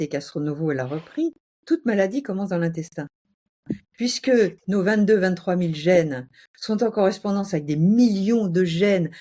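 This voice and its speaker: A woman's voice: lowish voice, mellow. A woman speaking as a guest, explaining passionately in a casual, emphatic way with vivid exaggeration.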